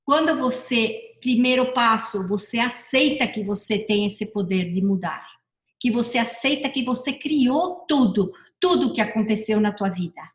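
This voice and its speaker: A woman's voice: a little high, animated, normal speed. A middle-aged woman giving a casual motivational talk, chatty, often repeating and correcting herself. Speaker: personal development speaker. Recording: echoey room.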